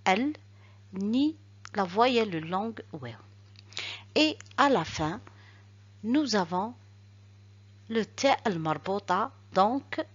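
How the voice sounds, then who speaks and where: A woman teacher speaks at a very slow, deliberate pace, repeating each example word carefully. Her voice is slightly husky and her pitch moves in a lively way. The recording sounds dull and lo-fi. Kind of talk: recorded reading lesson.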